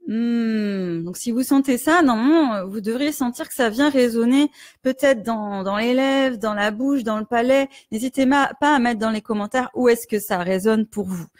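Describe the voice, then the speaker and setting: A woman teaching singing in a live stream, explaining resonance gently with many fillers and breaking into hummed and sung demonstrations. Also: fairly high pitch, moderate pace, dry recording, studio quality. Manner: demonstrates hums, vowels and sung exercises. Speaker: vocal coach.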